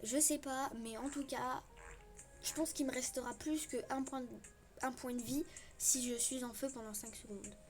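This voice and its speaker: A woman's voice: high voice, fairly even intonation, normal speed, over music. A young woman giving casual, rambling, self-mocking gameplay commentary as a gaming video host. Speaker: gaming youtuber.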